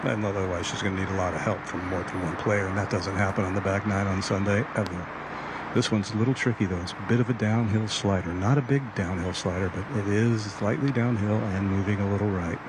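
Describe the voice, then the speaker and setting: A man's voice: lowish voice, fairly even intonation, brisk, heavy background noise. A man giving live golf commentary as an analyst, in an analytical, emphatic way.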